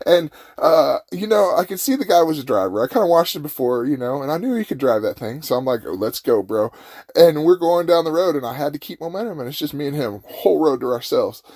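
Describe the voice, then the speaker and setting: A man's voice: a little high, expressive, quick pace, hardly any pauses, darkish tone, dry recording, clean studio sound. A man, telling a story in a folksy, chatty way and chuckling often. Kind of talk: casual storytelling.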